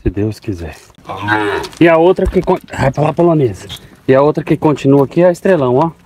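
A man's voice: fairly high pitch, expressive, fairly quick, dark tone, a little hiss or hum. A man from Goiás with a Goiás Portuguese accent, vlogging casually on his farm and talking affectionately to his cows. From Goiás, Brazil. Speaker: farmer vlogger. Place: outdoors on a cattle farm.

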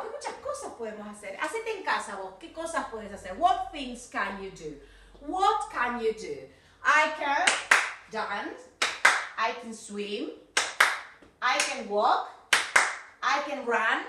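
A woman English teacher with a Rioplatense Spanish accent, giving a video class to children, mixing Spanish and English and drilling slow, encouraging repetitions. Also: sits high, far from the mic, background noise. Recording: echoey room, voice off-mic.

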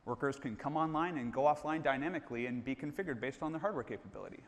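On a large stage in a reverberant hall, a man in his thirties presents a live product demo, explaining steadily and calling on colleagues by name. His mid-range voice moves at a quick pace through a lapel mic, with slight background noise.

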